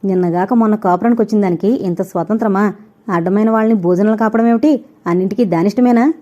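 A woman's voice: mid-range voice, fairly even intonation, quick pace, mellow, close to an everyday voice. A woman voicing a bitter older mother-in-law who snaps and scolds, in a dull lo-fi recording. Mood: scolding. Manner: scolding, snapping.

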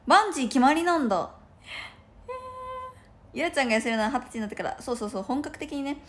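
A woman's voice: sits high, expressive, quick pace. A young woman chatting casually on a livestream from her room, rambling and giggling with many fillers. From Japan. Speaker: idol livestreamer. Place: room at home with no curtains.

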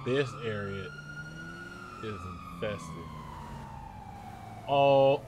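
A young man giving nervous, excitable commentary while playing a game, yelling when chased. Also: mid-range voice, extremely slow, noisy background. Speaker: gaming YouTuber.

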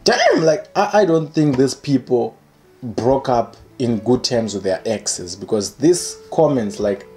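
A young man in his twenties hosts his own channel, reading viewers' comments aloud and riffing on them with playful energy. His voice is warm and mellow, at an everyday pitch. Faint music plays softly behind him as he talks to the camera in a room. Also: big pitch swings, a little slow. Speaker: channel host. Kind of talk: casual comedic commentary. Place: indoor room by a curtained window.

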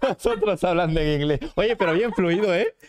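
A man's voice: high-pitched, normal speed, crowd noise. A man streaming and chatting playfully with friends over a game voice call, teasing and joking. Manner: playful, teasing, switches to English for fun. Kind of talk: casual chat in a game voice call.

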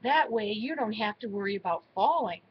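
A woman's voice: mid-range voice, animated, brisk, highs cut off, a little hiss or hum, lightly acted. A woman voicing an eager, adventurous young female mouse in a storybook reading. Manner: eager, persuasive.

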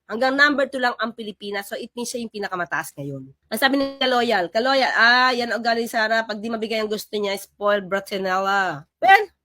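Woman vlogger, high and bright, sarcastic running commentary, dry close sound. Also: dry recording. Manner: animated, sarcastic, replays and reacts to clips. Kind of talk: casual political commentary.

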